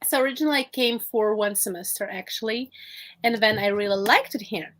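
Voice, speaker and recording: A young woman from Lithuania, a native Lithuanian speaker, chatting as an interview guest in a lively, playful way. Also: medium pitch, a little fast, rough recording. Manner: lively, playful, laughs while telling her story. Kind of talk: casual interview chat.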